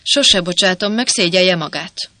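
A reader voicing the ghost of a gruff, cocky male soldier in an audiobook, in a brash, mocking manner, raised and louder than the narration. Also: mid-range voice, no echo, lightly acted. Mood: defiant. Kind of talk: audiobook character voice.

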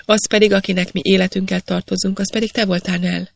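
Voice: medium pitch, flat delivery, gravelly, background noise, natural voice. Earnest young miner read by a narrator. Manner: pressing, earnest questioning.

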